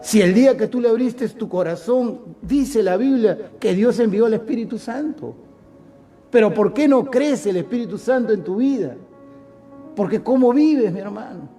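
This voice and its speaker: A man preaching a sermon as pastor, often stopping to ask listeners by name and slowing down to a soft voice to make his points. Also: high-pitched, animated, faint music behind. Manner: addresses listeners by name, asks many questions; slows down and drops to a soft voice for emphasis.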